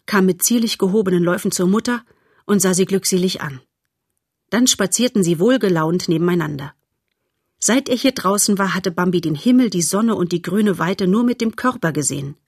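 A woman narrating a children's novel in a lively, expressive storytelling manner. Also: lowish voice, breathy edge, no echo, studio quality. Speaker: audiobook narrator.

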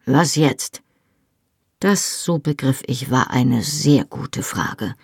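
A reader narrating a novel in the first person with measured storytelling. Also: female voice, rumbling low, lively intonation, gravelly, breathy edge, dry recording, studio quality. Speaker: audiobook narrator.

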